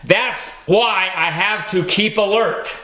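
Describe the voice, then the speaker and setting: A man's voice: sits high, takes it slowly, sharp tone, roomy sound, heavily acted. A man doing a grumpy suspicious house cat. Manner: snappish, evasive. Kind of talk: audiobook character reading.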